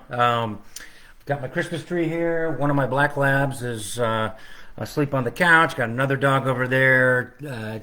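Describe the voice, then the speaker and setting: In the living room of his home, a children's author hosts a casual livestreamed storytime, reading his own picture book aloud. His mid-range voice has a sharp tone, and he adds chatty, rambling, playful asides for his audience.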